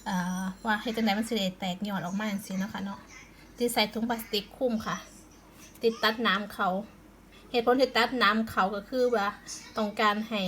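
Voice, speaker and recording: A woman's voice: medium pitch, a bit bright, slight background noise, low-quality recording. A woman with an Isan Thai accent chatting in a casual home vlog, explaining plant care step by step. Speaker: vlogger.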